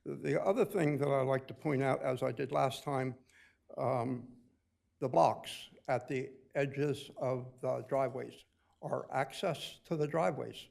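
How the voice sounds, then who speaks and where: A man giving a deliberate public comment at a city committee meeting, explaining street safety step by step. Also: mid-range voice, gravelly, a little mellow. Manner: deliberate, explanatory, with occasional restarts.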